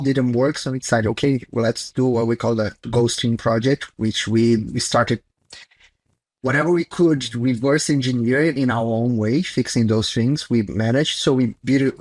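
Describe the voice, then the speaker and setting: On a rough, dry recording, a man with a mid-range voice and moderate pace speaks with a Brazilian Portuguese accent. He's a blunt, candid CTO guest on a video call, using loose non-native phrasing in a casual interview from a small indoor home office.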